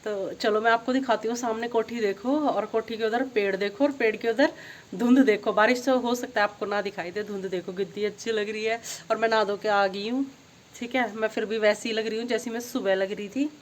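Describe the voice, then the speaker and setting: A middle-aged woman, chatting casually in a home vlog and telling stories with lively energy. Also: a little high, fairly quick, slight background noise. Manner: chatty storytelling, grows excited retelling events. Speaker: vlogger.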